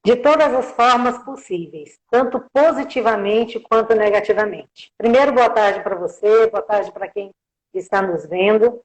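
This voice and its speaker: A woman's voice: mid-range voice, measured pace, rough recording. A woman, a guest on a live-streamed interview, explaining her points with everyday examples and frequent filler tags. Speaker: guest communication professional.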